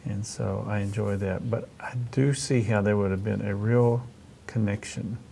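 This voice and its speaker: A middle-aged man hosting a casual conversational interview, speaking haltingly as he thinks aloud and rephrases. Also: fairly low pitch, steady tone, creaky, warm tone, a little hiss or hum. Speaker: host interviewing about reading aloud to children.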